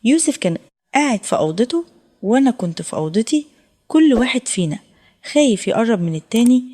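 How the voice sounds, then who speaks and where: A woman's voice: a little high, sing-song, quick pace, dark tone. A woman with an Egyptian accent narrating a first-person audio story in an earnest, confessional way. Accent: Egyptian Arabic.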